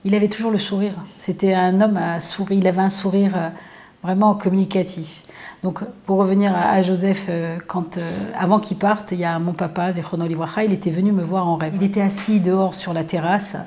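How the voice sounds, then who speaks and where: Dark-toned mother recounting dreams. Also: on the low side, steady tone, a little fast. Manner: recounts dreams, acting out quoted dialogue. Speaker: mother of a fallen soldier. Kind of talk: emotional personal recollection.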